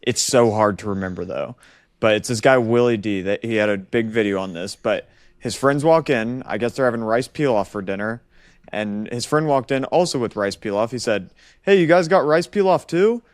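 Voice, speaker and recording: A young man co-hosting a podcast, chatting casually with jokey quick quips. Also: fairly low pitch, no echo, studio quality. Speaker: podcast co-host. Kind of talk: casual chat.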